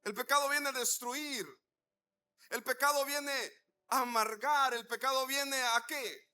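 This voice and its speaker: A man's voice: very high voice, fairly even intonation, measured pace, pushed and bright, clear, resonant tone. A man preaching a sermon, telling a story with acted-out dialogue and asking the congregation rhetorical questions.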